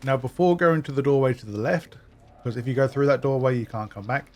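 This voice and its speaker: A man with a medium-pitched voice speaks briskly as a gaming guide narrator. In this walkthrough commentary he leads viewers through the game step by step, explaining where to find items in a steady, instructive way.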